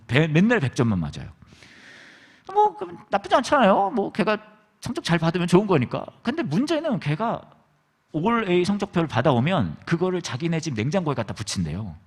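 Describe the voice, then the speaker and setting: A man's voice: mid-range voice, breathy edge. A man preaching a humorous sermon, telling stories from his school days and acting out the people in them. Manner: lively, joking, acts out quoted people. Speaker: pastor. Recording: long reverb of a large hall.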